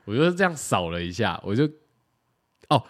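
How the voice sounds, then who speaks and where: Lively low-voiced Taiwanese man telling a story. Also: moderate pace. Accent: Taiwanese Mandarin. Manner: storytelling, laughs often, swears casually. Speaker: podcast co-host. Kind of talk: casual chat.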